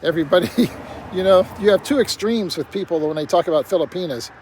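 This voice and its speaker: A man's voice: high voice, fairly quick, darkish tone. An older man talking bluntly to camera in a rambling casual monologue, peppered with "you know". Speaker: vlogger. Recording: faint outdoor traffic noise.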